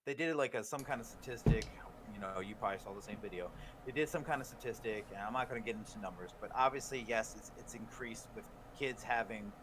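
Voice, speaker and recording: A man co-hosting a podcast in casual chat. He rambles, restarts his sentences, swears and laughs often. Clear background noise sits behind his voice. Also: lowish voice, fast talker. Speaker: podcast co-host.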